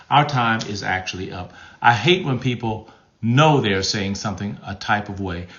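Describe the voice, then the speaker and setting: A man's voice: lowish voice, muffled recording. A man, a pastor, teaching relationship advice live to his viewers, answering their comments and acting out tones of voice as examples. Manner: animated, keeps checking in with the audience with "okay?".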